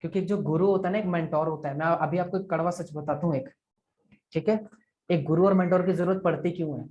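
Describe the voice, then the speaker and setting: A man's voice: on the high side, fairly even intonation, fast, darkish tone, muffled recording. A man who trains affiliate marketers, coaching trainees through sales targets and repeating figures aloud in a live online session over a video call.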